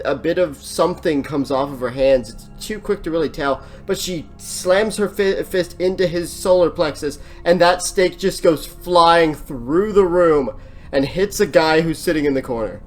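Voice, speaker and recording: Game master for a tabletop session, loose and rambling, curses freely, restarts sentences often, mid-pitched. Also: normal speed, faint music behind. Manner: rambling, swearing, frequent restarts.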